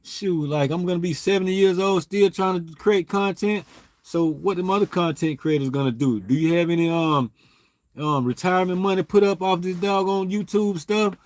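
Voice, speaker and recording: A man's voice: high-pitched, normal speed, dry recording. A man, rambling through a casual livestream chat with lots of fillers. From Southern US. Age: 40s. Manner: rambling, heavy on fillers and "you know what I'm saying". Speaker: livestream host.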